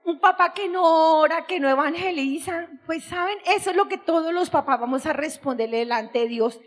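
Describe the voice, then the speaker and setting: A woman's voice: very high-pitched, normal speed. A middle-aged woman giving an impassioned, tearful religious testimony. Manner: impassioned, tearful, crying out at times.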